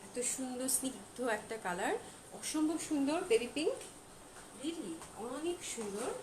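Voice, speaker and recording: A woman's voice: high-pitched, expressive, normal speed. A woman selling clothes on a live stream, chatting and gushing over each dress while slipping in English phrases. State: feeling hot. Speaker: online clothing seller. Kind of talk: live-stream product showcase. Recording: echoey room with loud background noise.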